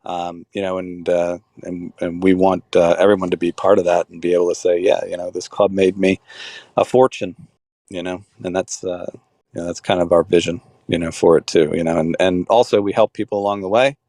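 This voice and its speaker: A man's voice: sits low, level tone, brisk, a little mellow, dry recording, studio quality. A man leading a crypto club call, talking casually and rambling with many restarts and fillers.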